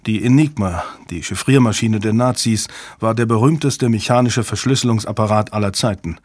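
A man narrating a thriller audiobook in a steady, even storytelling manner on a close microphone. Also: on the low side, brisk, no echo. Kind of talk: scripted narration.

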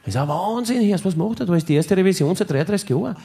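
A man's voice: high voice, expressive, racing, gravelly, dark tone, slight background noise, pitched above the performer's own voice. A man voicing a flustered male tax-office clerk with an Austrian German accent and a fussy, bureaucratic manner. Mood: agitated.

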